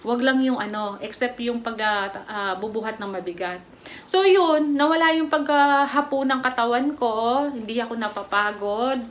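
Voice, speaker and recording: A woman's voice: fairly high pitch, moderate pace. A middle-aged woman from the Philippines gives a casual personal testimony as a vlogger, chatty and rambling, with many fillers and restarts. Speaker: vlogger giving a product testimony.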